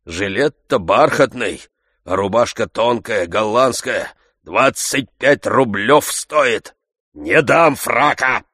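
Man playing a slow, gruff old servant, dry studio read. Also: medium pitch, lively intonation, fairly bright tone, no echo, full character voice. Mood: grumbling. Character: grumbling stubborn old male servant.

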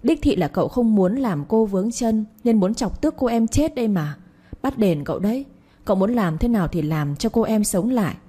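A woman's voice: medium pitch, expressive, moderate pace, warm tone, slightly rough, voice pushed up. A woman voicing a timid young maidservant who wails and pleads with her master. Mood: wailing. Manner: wailing, pleading.

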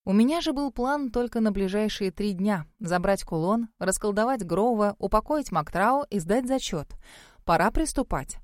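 A woman narrating a novel in the first person with an even, measured reading. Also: mid-range voice, no echo, clean studio sound. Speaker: audiobook narrator.

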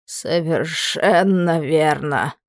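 A woman voicing a sly middle-aged king who fakes illness, in a slow, hoarse, wheezing voice. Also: deep voice, darkish tone. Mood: weary.

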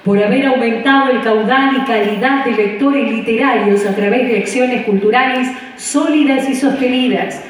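A woman's voice: on the high side, normal speed, few pauses. A woman formally reading out a scripted announcement as an award ceremony presenter. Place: large hall at an award ceremony. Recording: echoey hall, far mic, audience noise.

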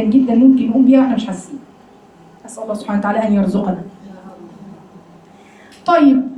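A woman with an Egyptian accent giving a religious lesson to women, lively, acting out little voices and prayers and asking rhetorical questions. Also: on the high side, echoey room, poor audio. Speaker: Quran teacher.

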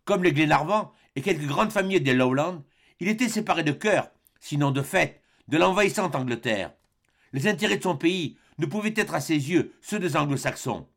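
A man narrates a classic adventure novel in a fairly high voice with plenty of gravelly fry. His reading is measured and steady, with the odd small slip. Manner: measured storytelling with small slips. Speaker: audiobook narrator.

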